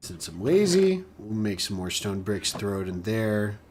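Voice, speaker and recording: A man's voice: fairly low pitch, sing-song, unhurried, darkish tone, slight background noise. A man hosting a gaming channel, giving casual, goofy gameplay commentary as he plays. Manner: chatty, goofy and self-mocking.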